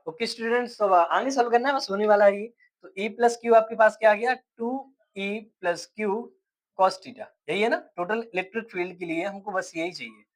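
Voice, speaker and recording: A man's voice: high voice, normal speed, rough recording. A man teaching a physics lecture step by step, asking questions and answering them himself. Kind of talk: classroom lecture.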